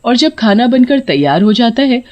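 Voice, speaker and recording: A woman narrating a cartoon horror story in a steady, plain way. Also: on the high side, normal speed, dull audio.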